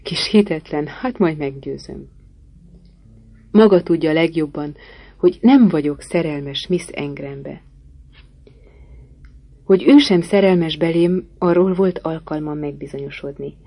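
A passionate, brooding gentleman pleads his love in a low, husky voice, as a woman reader puts him on. The tone is dark and mellow, storybook-style, urgent and ardent throughout. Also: pauses often, no echo. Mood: pleading.

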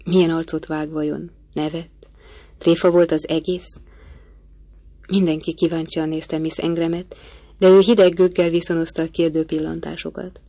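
A woman reading a classic novel aloud as audiobook narrator, measured and even. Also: deep voice, no echo. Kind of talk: scripted narration.

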